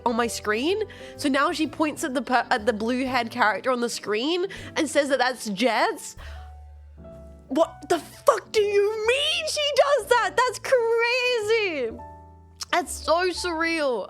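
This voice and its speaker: A woman's voice: on the high side, a bit bright. A young woman streamer chatting casually, giggling often, swearing freely and rambling with fillers. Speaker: VTuber streamer. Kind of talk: casual livestream chat.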